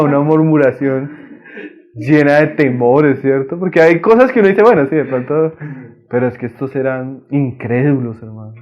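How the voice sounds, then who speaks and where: Man preaching, swinging loud to soft. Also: fairly high pitch, muffled recording. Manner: conversational, often tags phrases with "hermano" and "¿no?"; swings between raised emphatic lines and dropped quiet asides. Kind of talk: sermon.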